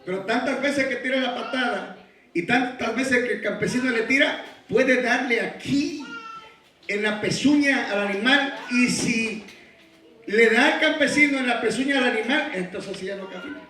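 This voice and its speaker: A man preaching a sermon in a very high, bright voice. He asks rhetorical questions and builds toward shouted exhortations. The voice comes from some way off the mic and rings through a very echoey church hall. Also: moderate pace, distant mic, soft background music. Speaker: pastor.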